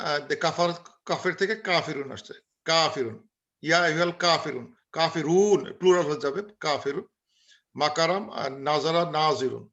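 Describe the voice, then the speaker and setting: Bright-voiced Bangladeshi man teaching grammar. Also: a little high, dull audio. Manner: drills words by repeating them, with frequent filler sounds. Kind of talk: online class lecture. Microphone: video call.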